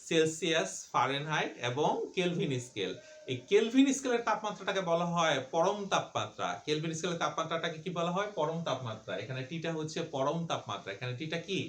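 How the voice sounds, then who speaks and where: Male physics teacher, high voice, quizzes and answers himself, echoey classroom recording. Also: lively intonation, quick pace, fairly bright tone, a little hiss or hum. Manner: asks questions and answers them himself, repeats key points. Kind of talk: classroom lecture. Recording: echoey room.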